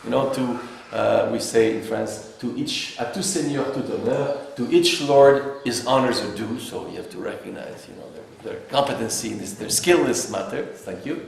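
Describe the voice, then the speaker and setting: A man's voice: medium pitch, moderate pace, vocal fry, few pauses. A man from Algeria leading a philosophy workshop, lecturing a group in a wry, teasing way. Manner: teasing, wry, laughs between remarks. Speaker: philosophy seminar leader. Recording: echoey room, from far off, faint hiss.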